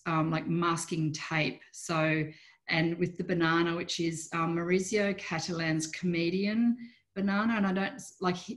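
A middle-aged Australian woman, an artist chatting informally in an interview, rambling and trailing off mid-sentence, on a video call from a room at home. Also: lowish voice. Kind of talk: casual interview chat. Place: small room at home, indoors.

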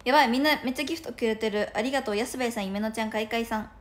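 A woman's voice: a little high, rapid-fire. Giggly young woman chatting on a livestream. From Japan. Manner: chatty, giggly, rambling with many fillers. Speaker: idol livestreamer. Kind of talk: casual livestream chat. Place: room at home with no curtains.

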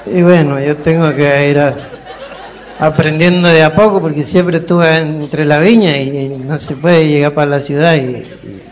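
A man's voice: moderate pace, some chatter behind. A man doing a rambling stand-up monologue as a country character. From Mendoza, Argentina. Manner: rambling rustic storyteller, animated high voice. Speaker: comedian in character. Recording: live show recording with faint noise.

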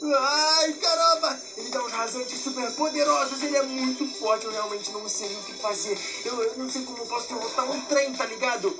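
A man with a Brazilian Portuguese accent giving excitable let's-play commentary, full of shouts and exclamations. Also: extremely high pitch, a little fast, few pauses, rough recording. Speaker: gameplay commentator. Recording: loud game music behind. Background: loud game music.

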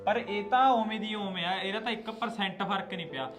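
High-pitched man, scolding and complaining, family quarrel scene. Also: fairly quick, music in the background. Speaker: angry son-in-law. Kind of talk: village family drama acting.

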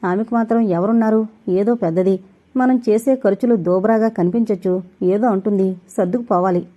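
A woman's voice: mid-range voice, fairly quick. A woman reading a novel aloud, narrating and voicing every character's dialogue. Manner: reads all characters, rising louder in quarrels. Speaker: audiobook narrator.

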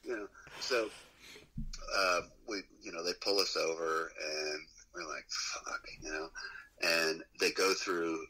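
A man's voice: low voice, steady tone, a little slow, pushed and bright, husky, low-quality recording. A middle-aged male musician telling a rambling, profane road story in a casual interview, laughing often. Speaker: musician guest.

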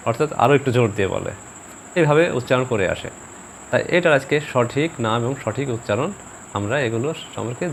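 A man teaching a pronunciation lesson in a calm, measured way. He slows down and repeats each example word so it can be copied. Faint insect and cricket sounds hum in the background. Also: medium pitch. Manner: slow, deliberate, repeats example words for practice. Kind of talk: instructional video lesson.

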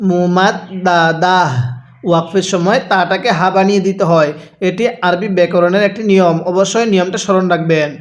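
A man with a Bangladeshi Bengali accent teaching Quran reading, spelling out letters and vowels one by one and drawing out the recitation slowly and patiently. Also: sits high, fairly even intonation.

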